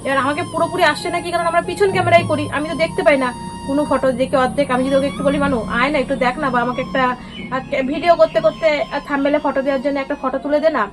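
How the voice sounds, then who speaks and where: High-voiced mom rattling off fast and loud into her phone. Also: steady tone. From India. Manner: loud, rapid, emphatic talker. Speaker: mother and vlog host. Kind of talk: casual family chat to camera. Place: village home. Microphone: phone on a stand.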